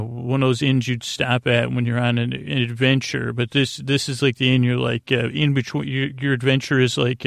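In a dry, echo-free recording, a podcast host drifts through a tangent-filled bedtime monologue, his delivery hesitant and constantly interrupted as he rephrases himself. His voice has a middling pitch, heavy creak and fry, and a fairly bright tone.

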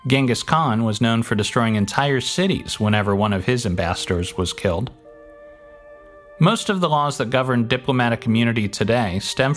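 A man narrates his podcast from a script, his pitch sitting in an ordinary middle range. His delivery is dry and wry, with the odd casual curse dropped in. Soft music plays low behind him. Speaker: podcast host. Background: faint music.

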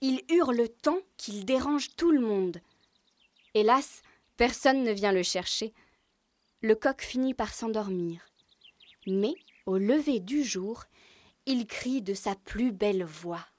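Unhurried woman telling a children's tale. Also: fairly high pitch, dry recording. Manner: lively, expressive. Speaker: storyteller. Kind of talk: scripted narration for children. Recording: narration over music.

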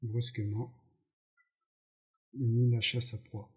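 A man reading a novel aloud, slowly, with slips and self-corrections, in a dull lo-fi recording. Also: medium pitch, flat delivery. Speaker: audiobook narrator.

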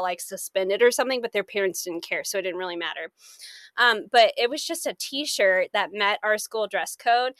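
A woman's voice: medium pitch, a bit bright, no room sound. A young woman co-hosting a podcast, telling school stories in a chatty way and often laughing as she talks. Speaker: podcast co-host. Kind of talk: casual chat, storytelling.

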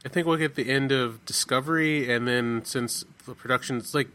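A man's voice: medium pitch, normal speed, fairly bright tone. A man on a casual discussion panel who explains at length and insists on his point. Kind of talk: casual group chat.

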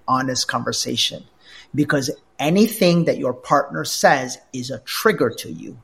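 A man, a life coach, talking through personal stories in an animated, conversational way during an interview, often repeating words as he goes. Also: fairly high pitch, husky. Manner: animated, repeats words while telling anecdotes.

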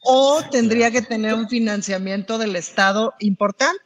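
A woman's voice: fairly high pitch, fairly even intonation, moderate pace, crowd noise. A woman with a Mexican accent, a panelist on a talk show, joking and playful in casual banter.

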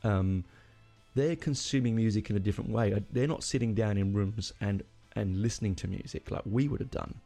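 Gravelly low-voiced man musing aloud. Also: fairly quick, mellow, faint music behind. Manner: rambling, self-correcting, opinionated. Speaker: podcast host. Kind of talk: casual solo monologue.

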